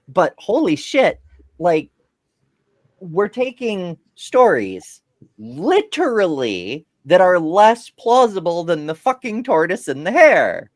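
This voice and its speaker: A man's voice: high voice, wildly swooping pitch, slow, no room sound. A man co-hosting a casual podcast chat, rambling and profane as he tells a fable. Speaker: podcast co-host.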